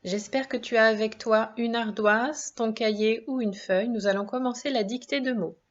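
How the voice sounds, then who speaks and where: A woman's voice: a little high, fairly even intonation, moderate pace. A woman teacher giving a spelling dictation lesson to young children, breaking words into syllables, careful and encouraging. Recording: dull lo-fi sound.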